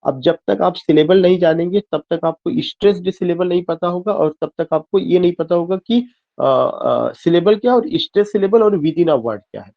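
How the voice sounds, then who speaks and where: A male teacher gives an online lecture in a slightly high voice. He spells terms out letter by letter and keeps asking the class questions he then answers himself. The sound is dull and lo-fi, like a web class. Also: moderate pace, gravelly. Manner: mixes Hindi and English, spells words out letter by letter.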